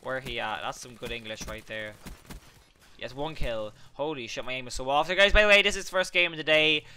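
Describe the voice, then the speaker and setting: Young male gamer, bright voice, rambling excitable play-by-play with swearing, faint hiss and clicks. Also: mid-range voice, fairly quick. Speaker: gaming channel host. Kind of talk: live gameplay commentary.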